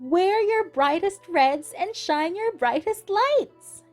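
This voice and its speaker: A woman narrator voicing a brave young village girl who shouts boldly in a high voice. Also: animated, slow, soft background music, heavily acted. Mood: defiant.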